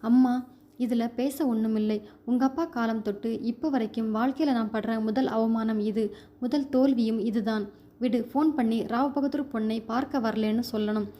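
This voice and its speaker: A woman's voice: on the high side, steady tone, moderate pace, mellow, natural voice. A woman voicing a stubborn middle-aged mother who presses her son emotionally, read in a storybook telling. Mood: insistent.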